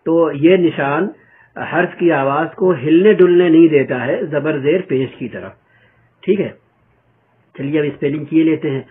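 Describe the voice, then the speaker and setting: Patient man teaching, tinny audio. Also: a little high. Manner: patient, repeats and spells out sounds slowly. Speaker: Urdu reading teacher. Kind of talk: step-by-step spoken lesson.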